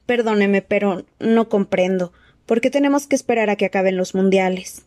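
A cowering, fawning servant man who stammers and squeaks with panic, voiced by a woman. The voice stays mellow and dark underneath, dry and close to the mic, as in a storybook reading. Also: normal speed, no room sound, natural voice. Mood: timid.

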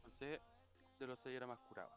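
A man's voice: mid-range voice, fairly quick, faint music behind. A young man with a Chilean accent, hosting a casual podcast and telling a party story with lots of slang. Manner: animated storytelling, heavy slang. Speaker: podcast host. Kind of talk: casual chat.

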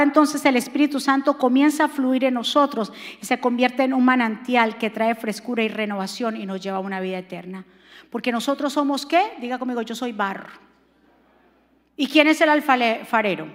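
A woman pastor preaching a sermon to her church, swinging from soft, low passages up to loud shouted exhortation. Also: moderate pace. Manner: preaching with sudden rises to shouting. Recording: long hall reverb.

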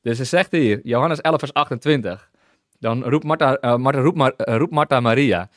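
A man's voice: medium pitch, moderate pace, no echo, clean studio sound. A man teaching through a Bible passage, enthusiastic, often breaking into hallelujah and restarting sentences as he explains scripture. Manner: many restarts while reading and explaining scripture.

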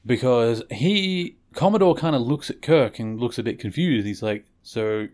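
A man's voice: medium pitch, animated, normal speed, a little mellow. A man hosting a podcast, recapping an episode in a rambling, chatty way and often correcting himself. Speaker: podcast host.

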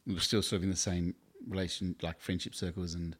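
A man's voice: deep voice, little pitch movement, quick pace, husky. An Australian man from Tasmania, around his forties, a guest in an interview who tells his own stories chattily and with self-deprecating laughs. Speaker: campus ministry worker, guest. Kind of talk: casual interview storytelling.

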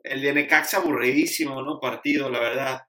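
A man from Mexico co-hosting a casual sports chat, recounting plays in a relaxed, chatty way with fillers. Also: medium pitch, fairly quick. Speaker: podcast co-host. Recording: echoey room.

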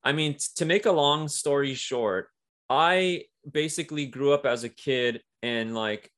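Originally from the Mexico–US border region, a male comic writer talks about his work as an interview guest. He has a fairly bright, medium-pitched voice and a measured pace, and his delivery is loose and rambling with frequent fillers.

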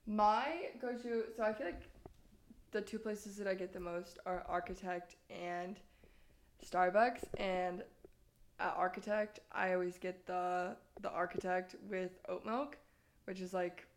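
A woman's voice: fairly low pitch, fairly even intonation, measured pace, a little hiss or hum. Young woman from Missouri, co-host, upbeat and chatty. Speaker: podcast co-host. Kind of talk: casual chat.

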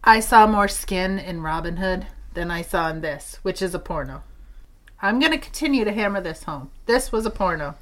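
A woman co-hosting a podcast, chatting casually about a film in an animated, exasperated way and laughing often. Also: on the low side, moderate pace. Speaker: podcast co-host. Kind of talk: casual chat reviewing a film.

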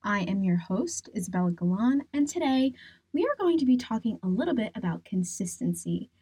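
Female podcast host, mellow and smooth, dry close studio sound, earnest explainer delivery. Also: mid-range voice, sing-song, brisk, no room sound. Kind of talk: scripted solo podcast talk.

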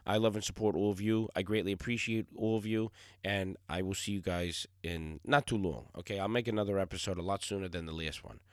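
A young man with a low, slightly hoarse voice talks bluntly and casually on his solo podcast, swearing often and leaning on filler words. The recording is dry and close, with no room sound. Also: steady tone, a little fast, no echo. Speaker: podcast host.

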